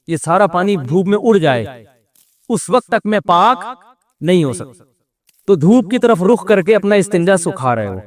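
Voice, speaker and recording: Humorous storytelling Urdu-speaking cleric, Pakistani accent. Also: male voice, fairly high pitch. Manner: humorous storytelling, acts out dialogue in other voices. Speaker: Islamic scholar giving a talk. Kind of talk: casual sermon with jokes and anecdotes.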